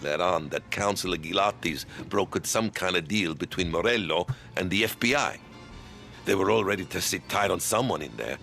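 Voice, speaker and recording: A gravelly nervous mob driver. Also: male voice, sits low, moderate pace, sharp tone, soft background music, exaggerated voice. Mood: confessing. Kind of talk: video game cutscene acting.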